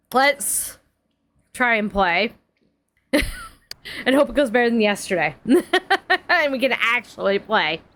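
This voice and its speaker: A woman's voice: on the high side, a bit bright. A woman in her forties streaming a game, chatting casually and rambling, with many fillers and frequent laughs. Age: 40s. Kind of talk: casual chat.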